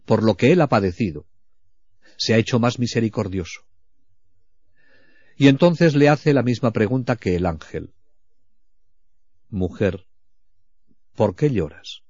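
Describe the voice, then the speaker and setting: A man preaching at a spiritual retreat in a slow, reflective way, often sinking into a hushed voice. His voice sits at an ordinary pitch. The recording is dull and lo-fi, with a dry, close sound. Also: no echo.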